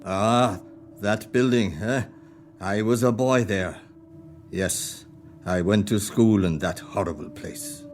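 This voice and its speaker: A man's voice: lowish voice, slow pace, a little hiss or hum. A man acting an old miser, Ebenezer Scrooge, in a radio play, with a quavering, stammering delivery. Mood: wistful. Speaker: amateur radio play actor.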